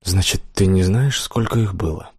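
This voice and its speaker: A man voicing Death as a hooded old woman, weary and bitter, who speaks quietly with a hiss and breaks into angry accusations in an audiobook. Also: deep voice, normal speed, husky, no room sound, studio quality. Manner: quiet, hissing menace rising to angry outbursts. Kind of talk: audiobook character reading.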